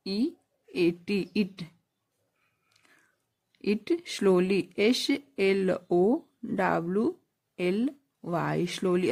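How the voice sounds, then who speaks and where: A woman with a slightly high, slightly mellow voice teaches a basic English lesson. She spells words out letter by letter, repeats phrases slowly, and poses questions that she then answers herself.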